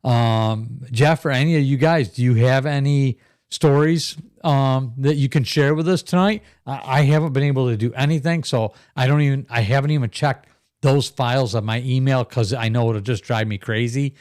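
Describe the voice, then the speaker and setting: A middle-aged man hosting a casual live stream, rambling and chatty, breaking into laughs as he reads out viewer comments. His voice sits at an everyday middle pitch. The sound is dry and close, with no room echo. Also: normal speed, a little mellow. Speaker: live podcast host.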